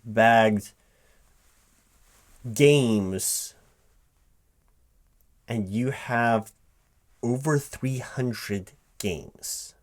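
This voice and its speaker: This one-sided ASMR roleplay has a man as a recruiting manager conducting a job interview, speaking aloud with a mid-range voice. He stumbles along, puzzled, repeating things to double-check them, over the sound of keyboard typing.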